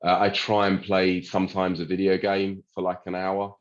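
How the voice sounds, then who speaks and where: A man's voice: low voice, monotone, moderate pace, muffled recording. A man speaking as an interview guest, hesitant and full of ums. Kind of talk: casual interview chat.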